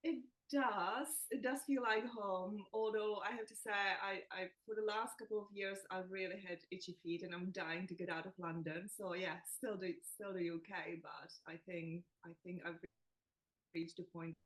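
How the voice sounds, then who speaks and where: A Czech woman appears as a nutritionist guest on a podcast, chatting casually and poking fun at herself while laughing as she speaks. Her medium-pitched voice stays steady at a normal speed, though the audio quality is poor.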